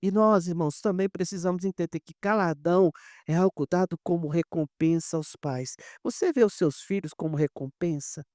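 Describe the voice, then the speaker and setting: A man's voice: a little high, moderate pace, no echo, studio quality. A man with a Brazilian accent preaching a conversational sermon, speaking straight to the congregation and acting out the people in his stories. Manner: animated storyteller, addresses the congregation directly; acts out quoted dialogue. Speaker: pastor.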